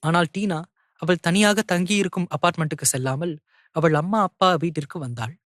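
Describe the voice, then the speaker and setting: A man narrating an audio novel in a steady, measured storytelling manner. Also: on the high side, no room sound, clean studio sound.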